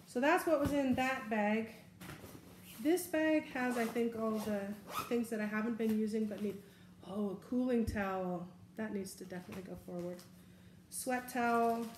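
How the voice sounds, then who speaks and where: A woman's voice: a little high, darkish tone, echoey room, a little hiss or hum. A woman in her forties chatting casually on camera while she unpacks a bag at home, thinking aloud. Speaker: vlogger. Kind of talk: casual what's-in-my-bag chat. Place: bedroom at home, indoors.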